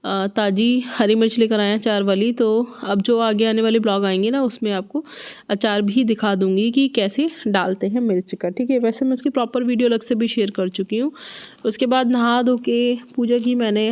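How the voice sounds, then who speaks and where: A woman's voice: on the high side, mellow, lo-fi sound. A woman vlogger chatting casually and giving diet advice, her voice changed and stuffy from a cold. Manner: chatty, advice-giving, frequent tag questions. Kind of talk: casual diet vlog chat.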